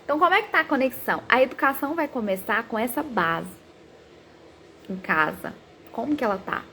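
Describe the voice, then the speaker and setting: A woman psychologist in her thirties giving a talk on parenting, animated and acting out quoted parents and children. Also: fairly high pitch, brisk, a little hiss or hum.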